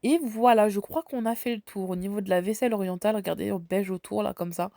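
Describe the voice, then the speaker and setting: A woman's voice: medium pitch, steady tone, fast, vocal fry, mellow, no room sound, clean studio sound. Chatty French woman with a cold. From France. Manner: chatty, enthusiastic, lots of fillers. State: slight head cold. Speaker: shopping vlogger. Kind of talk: casual shop walkthrough. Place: large store indoors.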